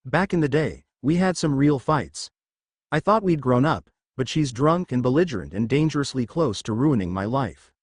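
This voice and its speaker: A man's voice: medium pitch, animated, normal speed, slightly rough, no echo, studio quality. Man narrating a dramatic story. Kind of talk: first-person story narration.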